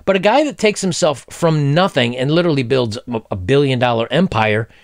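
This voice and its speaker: A man's voice: mid-range voice, a little fast, gravelly, dry recording, studio quality. A man in his forties giving blunt, opinionated commentary while reading a news story aloud, with mocking asides. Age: 40s.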